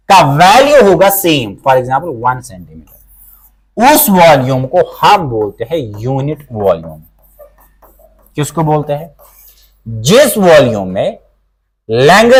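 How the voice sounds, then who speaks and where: A male teacher explaining a biology lesson, asking himself questions and answering them, repeating key terms and slowing down to dictate definitions. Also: fairly high pitch, breathy edge, poor audio.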